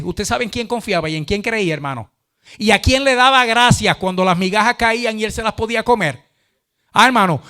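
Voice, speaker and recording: A male pastor preaching a sermon emphatically, often addressing listeners as brother and stretching key words. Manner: emphatic, repeats "hermano", drawn-out stresses, big swings in pitch and loudness.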